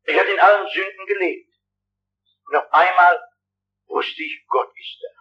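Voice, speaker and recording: Fervent older preacher, high voice. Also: male voice, fairly even intonation, normal speed. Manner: fervent, urgent, addresses listeners directly. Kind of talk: revival sermon. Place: large hall with a big audience. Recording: dull lo-fi archival recording.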